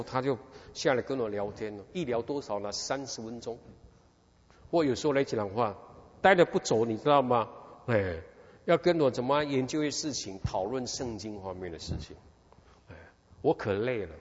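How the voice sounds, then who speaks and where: A middle-aged man from Taiwan, preaching a sermon through a personal story and asking his listeners question after question. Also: medium pitch. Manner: animated storytelling, constant rhetorical questions. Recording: dull recording in a reverberant hall.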